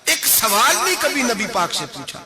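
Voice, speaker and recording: A man delivers a sermon in a high voice, acting out the dialogue of a story as he tells it. His delivery slips into a sing-song chanting cadence. A gathered audience is clearly heard behind him. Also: very animated. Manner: dramatic retelling, acting out dialogue with rising pitch. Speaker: preacher. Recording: crowd audible behind.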